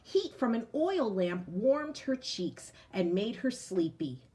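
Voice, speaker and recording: A woman's voice: fairly high pitch, sing-song, slow pace, warm tone. A woman reading a picture book aloud to children, as a teacher. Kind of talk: storybook read-aloud.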